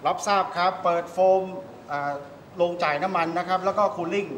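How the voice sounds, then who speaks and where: Guy on a walkie-talkie in a drill, high voice, talks fast, repeats orders back. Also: steady tone. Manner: clipped radio protocol, reads orders back. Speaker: maintenance unit member in an emergency drill. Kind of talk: radio call in a drill. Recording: echoey room with loud background noise.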